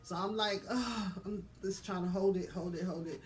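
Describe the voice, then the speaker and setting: A mother telling her birth story in a casual, animated way, acting out voices. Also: on the low side, brisk, a little hiss or hum. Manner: animated, laughing, acts out voices.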